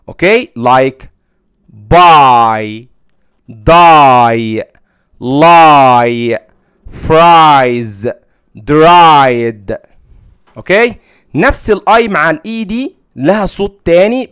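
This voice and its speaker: A man speaking Egyptian Arabic, teaching English letter sounds step by step and often checking in with "okay?". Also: a little high. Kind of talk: lesson.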